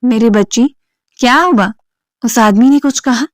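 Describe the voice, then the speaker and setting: A woman's voice: on the high side, dry recording, clean studio sound, lightly acted. A woman reading the lines of a protective father who is a former soldier in a storybook narration, caring but stern in manner.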